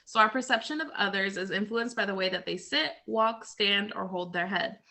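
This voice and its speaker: Over a video call, a woman casually leads a group lesson, explaining with everyday examples and lots of "so" and "like." Her mid-range voice is gravelly and bright, with a forceful tone, and she keeps a moderate pace.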